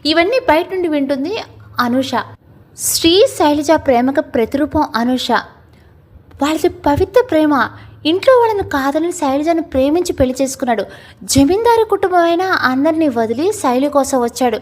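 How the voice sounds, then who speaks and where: A woman's voice: sits high, expressive, moderate pace, darkish tone. A woman narrating a family drama story from a script, reading every character's lines herself.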